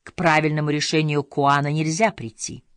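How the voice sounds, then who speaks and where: A woman narrating an audiobook of literary essays in a measured, expressive reading. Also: low-pitched, no room sound, clean studio sound.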